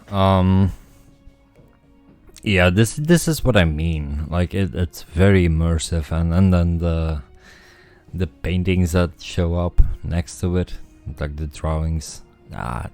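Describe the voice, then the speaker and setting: Reading the story aloud between his own musings, a man does relaxed commentary on the game he's streaming while faint music plays. He speaks slowly in a deep, slightly mellow voice.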